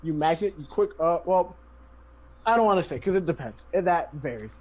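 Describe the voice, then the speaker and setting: A chatty host talks over a game run in casual commentary, cutting in with tips and laughing often. Pitch sits mid-range but moves a lot. The delivery stays loose and conversational. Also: animated, a little fast, a little mellow, dull audio. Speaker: speedrunner and channel host.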